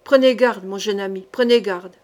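Gruff blustering male captain, woman reader, grumbling, audiobook, somewhat high voice. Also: moderate pace, close to an everyday voice. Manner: grumbling, swearing. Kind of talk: audiobook character reading.

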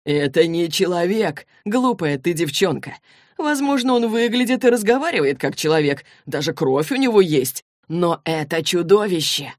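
A woman voicing a cocky, cold and mocking young male demon hunter in an audiobook, talking slowly and scornfully. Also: on the low side, expressive, a little mellow, no room sound, clean studio sound, close to an everyday voice. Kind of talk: audiobook reading.

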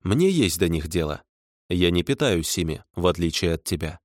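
A man voicing a calm, stern, ancient male water spirit who speaks unhurriedly. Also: sits low, normal speed, no room sound, studio quality.

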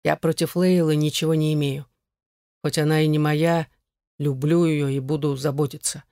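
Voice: mid-range voice, flat delivery, normal speed, darkish tone, no echo, studio quality, lightly acted. A reader voicing Tigran, a stern husband. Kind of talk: audiobook character voice.

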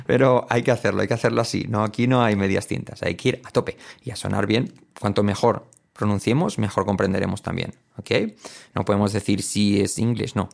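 A man from teaching English pronunciation, explaining in casual speech and repeating example words slowly. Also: on the low side, gravelly. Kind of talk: spoken language lesson.

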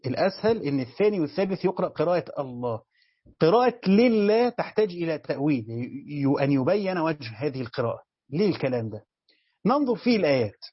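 Egyptian male teacher, fairly high voice, quick explanatory delivery, muffled dry lo-fi sound. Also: very animated, slightly rough, no room sound. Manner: explanatory, asks and answers his own questions. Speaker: Quran commentary teacher. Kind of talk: colloquial Egyptian lecture on Quran exegesis. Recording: dull, dry lo-fi recording.

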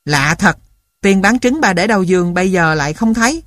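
A woman voicing a kind, forgiving old grandmother in a storybook audiobook, speaking softly and patiently. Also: mid-range voice, lively intonation, fairly quick, no echo, studio quality, lightly acted. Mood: worried.

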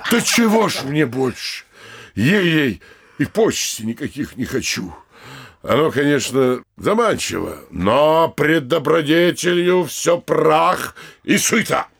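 An actor playing a sanctimonious, obsequious middle-aged mayor in a comic audio play, hesitant and unctuous. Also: male voice, on the high side, lively intonation, takes it slowly, vocal fry, a bit bright, husky, full character voice. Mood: pious, self-praising.

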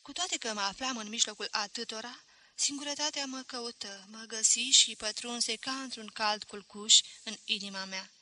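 A woman reading a literary novel aloud as an audiobook, in a measured, expressive way. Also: fairly high pitch. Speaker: audiobook reader.

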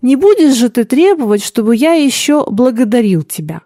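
A woman's voice: fairly high pitch, big pitch swings, normal speed, dark tone, no echo, clean studio sound, voice pushed up. A woman reading aloud, voicing a young son who speaks coolly and with clipped irritation. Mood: cold.

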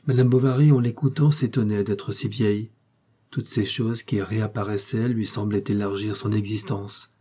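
A man reading a classic novel aloud in a measured, expressive way. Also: fairly low pitch, breathy edge. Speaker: audiobook reader. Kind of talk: literary narration.

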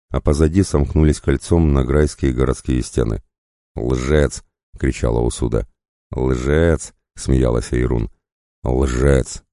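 A man reading a dark fantasy story aloud as an audiobook narrator, in a measured, grave way. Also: extremely low pitch, no room sound, clean studio sound.

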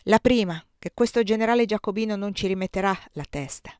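A woman reading the part of a gruff older male army colonel in an audiobook, brusque and blustering, raising her voice when he gets annoyed. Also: mid-range voice, fairly quick, a little mellow, dry recording, clean studio sound, lightly acted. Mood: stern.

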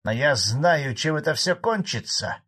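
A man voicing an angry, blunt old male Soviet cattle farmer in an audiobook, gruff and indignant. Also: a little high, animated, unhurried, a bit bright, voice pushed up.

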